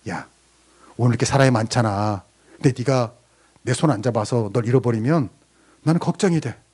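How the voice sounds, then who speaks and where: A man putting on a gentle father who softly asks his son to hold his hand. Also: medium pitch, brisk, breathy edge, natural voice. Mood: pleading. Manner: soft, asking kindly. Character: gentle pleading father, soft-spoken.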